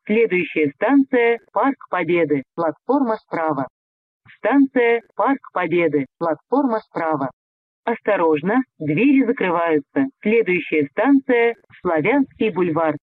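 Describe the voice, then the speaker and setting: A man making formal, measured metro announcements over the train intercom. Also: high-pitched. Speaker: transit announcer. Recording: tinny lo-fi train loudspeaker.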